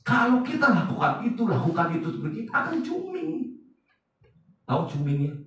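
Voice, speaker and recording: A man preaching a sermon as pastor, lively and casual, asking the congregation questions as he goes. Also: sits high, brisk, very echoey, recorded from a distance, slight background noise, poor audio. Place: church service.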